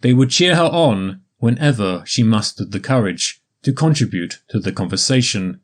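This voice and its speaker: A man narrating a graded story for English learners in a slow, careful, evenly paced reading. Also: lowish voice, animated.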